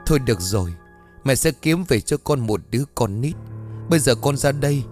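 A terrified middle-aged mother, as a male narrator puts her on, pleading and tearful. Her voice rises high and swings widely, with faint music underneath. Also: animated, fairly quick, darkish tone, lightly acted.

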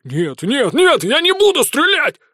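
A man reading an audiobook, voicing a drunk, desperate young man who shouts in frantic outbursts. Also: very high voice, huge pitch swings, unhurried, no room sound, studio quality, voice pushed up, full character voice. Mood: hysterical.

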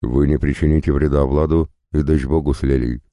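A man voicing a mighty, protective male bear god who growls his words in a very deep voice. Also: steady tone, a little fast, mellow, dry recording, clean studio sound. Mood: commanding.

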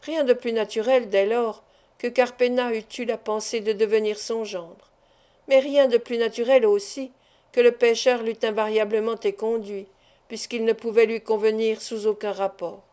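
A woman reading a classic adventure novel aloud in a measured narration. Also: a little high, fairly even intonation, mellow. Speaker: audiobook reader. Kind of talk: scripted narration.

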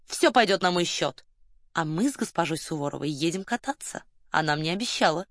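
A woman voicing a pompous, boastful male colonel who flirts in a low, smug murmur, in an audiobook. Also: expressive, fairly quick, a bit bright, no room sound, studio quality. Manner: smug, lowers voice to a suggestive murmur.

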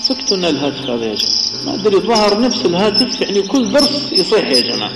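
A man teaching a religious text. He explains slowly, repeats himself and often stops on halting filler pauses. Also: high-pitched, sing-song, very noisy. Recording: echoey hall reverb.

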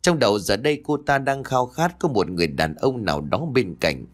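A man narrating a ghost story in a lively storytelling manner, switching voices for the quarrelling characters. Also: mid-range voice, a little fast. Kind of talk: storytelling narration with acted dialogue.

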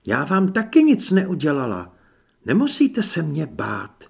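A frightened young woman pleads and bargains in an audiobook scene, voiced by a male narrator. The voice is husky and somewhat raised in pitch. The delivery rises and falls in a lively way. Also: heavily acted. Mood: desperate.

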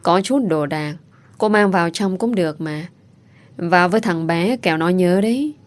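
A kindly middle-aged housekeeper chatters brisk and cheerful, as a woman voices her. The voice is low for a woman. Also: close to an everyday voice. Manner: quick, cheerful.

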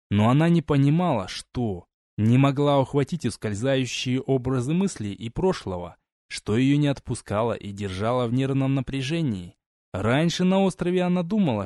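A man narrating an audiobook in a steady, expressive reading. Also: mid-range voice, dry recording, studio quality. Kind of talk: scripted narration.

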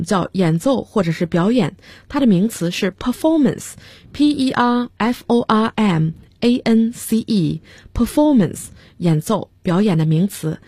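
Husky woman teaching English on radio. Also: medium pitch, darkish tone, dry recording. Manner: spells words out letter by letter, slow and careful. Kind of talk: radio English vocabulary lesson.

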